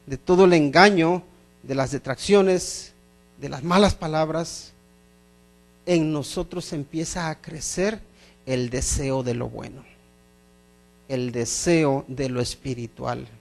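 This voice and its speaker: A man's voice: a little high, slow pace, creaky, long pauses, faint music behind. A middle-aged man preaching a sermon as pastor, emphatic, repeating phrases and asking the congregation questions.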